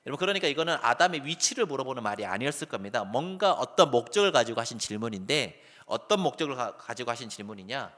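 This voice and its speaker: A middle-aged male pastor preaching a sermon, lively and animated, sometimes loud and sometimes dropping soft. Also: medium pitch, fast, few pauses. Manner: animated preaching, acts out calls in a raised voice, then drops soft. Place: church sanctuary. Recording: long hall reverb.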